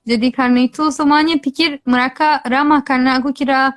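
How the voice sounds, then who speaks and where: High-voiced Turkish woman, foreign learner speaking. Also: fairly even intonation, fast. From Turkey. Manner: foreigner speaking Indonesian, simple learner phrasing. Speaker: interview guest, language learner. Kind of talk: casual interview answers.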